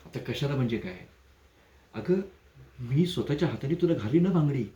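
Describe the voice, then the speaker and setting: A man playing a controlling, menacing man in a dramatic monologue, speaking softly and mockingly with sudden sharp rises. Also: mid-range voice, expressive, normal speed, close to an everyday voice. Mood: mock-gentle. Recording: echoey room, dull lo-fi sound.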